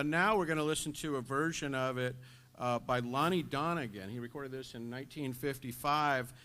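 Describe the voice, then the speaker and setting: Lecturing man, thinking aloud mid-pitch. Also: a bit bright. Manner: explanatory, thinking aloud with restarts. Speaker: university lecturer. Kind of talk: classroom lecture.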